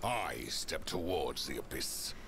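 A man's voice: a bass voice, sing-song, slow, gravelly, husky, exaggerated voice. An actor voicing a grim, steadfast male fantasy soldier, delivering solemn battle-ready lines as video game unit barks. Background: loud game music.

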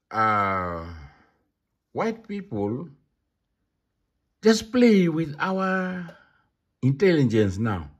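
In London, a man with a Ugandan accent delivers a casual monologue, speaking emphatically and repeating himself. His voice is mid-range with a sharp tone.

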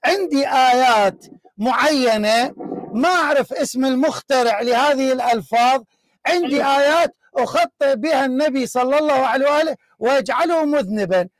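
High-pitched, forceful man debating. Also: no room sound. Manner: forceful, insistent, repeats challenges. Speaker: debate show host. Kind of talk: heated live religious debate.

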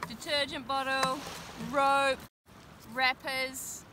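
A woman's voice: sits high, little pitch movement, slow, background noise. A woman marine researcher explaining her fieldwork outdoors on a shoreline, in an upbeat, explanatory way. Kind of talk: field documentary narration.

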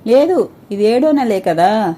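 Lady reading caring young woman, worried and rushing, slightly high voice. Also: expressive, warm tone. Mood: alarmed. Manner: hurried, anxious questioning.

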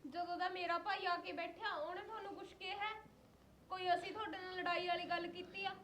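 Patient Punjabi bride, high soft voice, faint noise in the background, played by a woman. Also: fairly even intonation, a little fast. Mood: pleading. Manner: pleading, reasonable. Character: patient young wife married without dowry. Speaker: daughter-in-law. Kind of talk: acted family drama.

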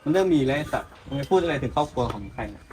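A woman's voice: low-pitched, animated, rapid-fire, a little mellow. A woman playing a hostile, swearing teenage gang member in an amateur student drama. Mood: confrontational. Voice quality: coarse, swearing. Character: low-voiced hostile teen gang member. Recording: music and crowd noise behind.

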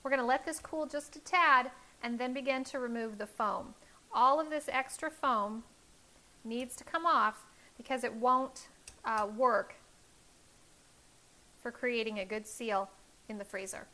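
A woman's voice: a little high, a little slow, long pauses, pushed and bright. A woman in her thirties hosting a home cooking show, explaining each step in a friendly instructional way from her kitchen on a lapel mic. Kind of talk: cooking demonstration.

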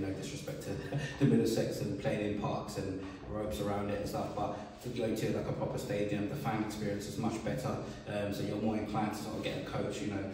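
Fast-talking manager, echoey room. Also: male voice, on the low side, far from the mic, slight background noise. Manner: relaxed, many fillers and "sort of". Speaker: football manager. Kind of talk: post-match interview. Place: bare indoor room by a wall, seated. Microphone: camera a few feet away.

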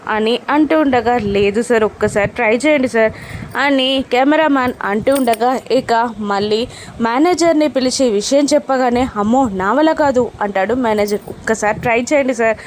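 Woman recapping a tv serial, highish voice, faint noise behind her. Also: normal speed. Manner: retells scenes, voicing quoted lines with a lift. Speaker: serial episode recap narrator.

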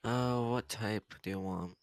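A man with an unenthusiastic, deadpan innkeeper manner, chatting casually in role during a game over a noisy mic. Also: fairly low pitch, measured pace, no echo. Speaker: player acting as tavern barkeep.

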